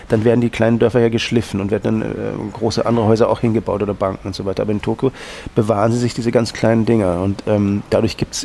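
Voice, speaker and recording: Austrian man, gravelly voice, rambling interview guest, faint hiss behind. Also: fairly low pitch, a little mellow. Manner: rambling and anecdotal, with many restarts. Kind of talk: casual interview talk.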